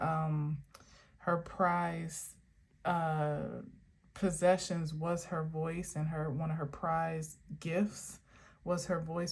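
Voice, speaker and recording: This woman's voice sits low and is a little mellow as she reads affirmation cards in a garden vlog. A spiritual tarot reader, she wanders and muses aloud, frequently restarting her sentences.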